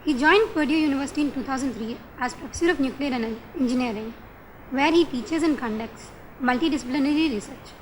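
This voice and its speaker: A woman's voice: high-pitched, brisk, slight background noise, rough recording. A woman with an Indian accent formally reads out a scripted introduction as an event presenter.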